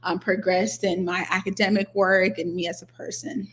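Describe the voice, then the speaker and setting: A woman's voice: on the low side, flat delivery, moderate pace. A young woman in her twenties, originally from Nigeria and raised in the US, answering interview questions thoughtfully, with fillers and restarts. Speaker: guest, doctoral student.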